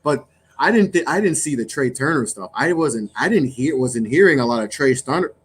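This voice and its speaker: A man's voice: mid-range voice, expressive, a little fast, slightly rough. A man who runs a podcast network, chatting casually in a rambling way with many restarts. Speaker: network founder and guest.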